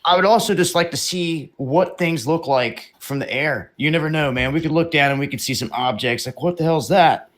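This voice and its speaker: A man's voice: on the high side, moderate pace, few pauses. Rambling opinionated male stream host. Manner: rambling, opinionated, swears casually. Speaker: livestream host. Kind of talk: casual live-stream talk.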